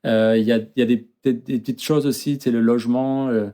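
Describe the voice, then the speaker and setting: French guy in his 30s, guest on an interview, lots of euh and restarts, mellow low tone. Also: steady tone, quick pace. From France. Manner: hesitant, many fillers and restarts. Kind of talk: casual interview chat.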